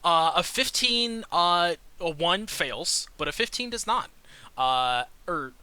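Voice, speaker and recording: A man running a tabletop game, improvising casual narration as game master in a halting way full of "like". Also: high-pitched, expressive, sharp tone, smooth, no echo. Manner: halting, heavy use of "like". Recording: faint hiss.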